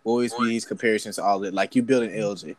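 A man's voice: on the low side, fairly even intonation, fast talker. A young man hosting a casual group chat, joking around, swearing freely and bossing the questions along. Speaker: segment host asking questions.

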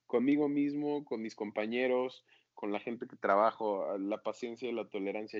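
A man's voice: mid-range voice, darkish tone, no echo, dull audio. A man, an actor being interviewed, talking casually and acting out his own self-critical inner voice.

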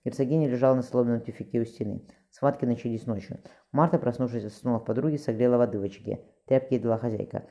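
Man reading an audiobook, fast pace, very dark mellow voice, muffled lo-fi recording. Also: medium pitch. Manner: quick, even storytelling with small slips. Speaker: audiobook reader.

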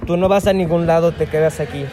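A young man playing a jealous, violent husband in an improvised telenovela, with a gruff, demanding delivery. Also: fairly high pitch, fairly even intonation, quick pace, natural voice. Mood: menacing.

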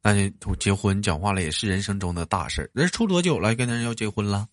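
A man's voice: lowish voice, lively intonation, fast, no echo, studio quality. Teasing Northeastern Mandarin male host. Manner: teasing, jokey, stresses words. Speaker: livestream host. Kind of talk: joking casual chat.

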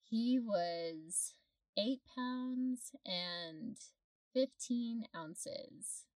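A woman's voice: a little high, extremely slow, darkish tone, no room sound. A woman co-hosting a casual podcast, chatting and laughing often, recorded inside a small closet. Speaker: podcast co-host. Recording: dry, slightly distant closet sound.

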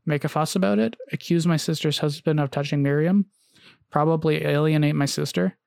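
A man's voice: on the high side, fairly even intonation, brisk, vocal fry, a little mellow, smooth, dry recording, clean studio sound. A man hosting a casual podcast, telling a story with frequent "uh"s and restarts and reading long quotes aloud. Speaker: podcast host.

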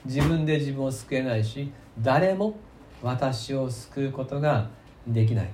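A male pastor preaching a sermon, telling the story with emphasis, swinging between loud and soft and asking the listeners questions. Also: medium pitch, measured pace, roomy sound, slight background noise. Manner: asks the congregation rhetorical questions.

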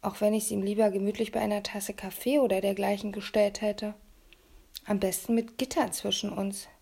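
A woman reading a children's novel aloud in a lively storybook narration, sometimes dropping to a whisper. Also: medium pitch, moderate pace, gravelly, husky. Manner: animated, dropping to whispers at times. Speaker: audiobook reader.

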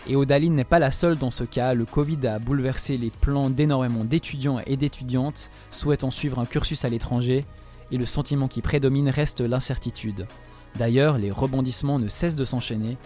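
A man's voice: medium pitch, brisk, dark tone, faint music behind. Wry male radio columnist. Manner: wry, jokey delivery.

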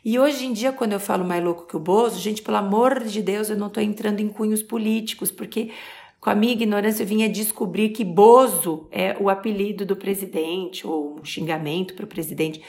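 A woman's voice: mid-range voice, steady tone, brisk, darkish tone. A Brazilian woman in her forties hosting a motivational podcast, talking expressively and stretching key words for emphasis. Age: 40s. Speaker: podcast host.

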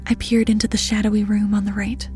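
A woman reading a horror story in scripted narration, steady and measured, often dropping to a hushed near-whisper. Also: mid-range voice, faint music behind.

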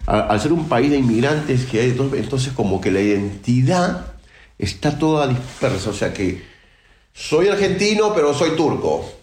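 A man from Peru talks as a guest in a casual interview. He is emphatic and outspoken, restarting his sentences often. His voice sits at a middle pitch and carries a roomy echo. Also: very animated, moderate pace, darkish tone. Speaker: guest percussionist.

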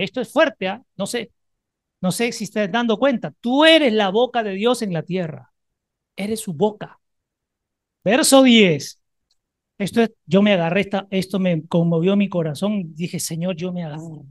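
A woman preaching a sermon to a congregation in a church, emphatic and repeating phrases, moving between soft, close talk and loud rallying. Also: mid-range voice, dry recording.

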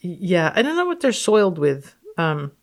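On a podcast, a female guest reads research aloud and adds offhand, unscripted remarks in a wry, matter-of-fact tone. Her voice is on the low side and very animated, at a moderate pace.

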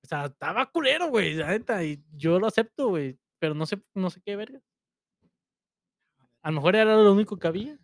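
A man's voice: high-pitched, lively intonation, brisk, dry recording, clean studio sound. A young man with a Mexican accent, co-hosting a podcast in casual, crude, slangy chat and laughing often. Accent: Mexican Spanish. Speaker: podcast co-host.

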